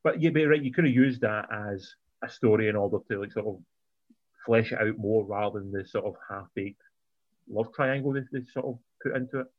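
Brief: male podcast host, quick rambling delivery, dry dull-sounding recording. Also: fairly low pitch, no room sound. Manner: rambling, repeats words while thinking. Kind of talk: casual film review chat.

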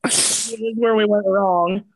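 A man with a fairly high voice tells a rowdy story on a casual podcast. He rambles, swears constantly and leans on fillers as he goes. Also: fairly even intonation, takes it slowly. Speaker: podcast co-host.

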